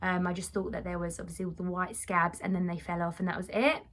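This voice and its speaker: A woman's voice: on the low side, level tone, fairly quick. A woman vlogger recounting her experience in a casual chat to camera.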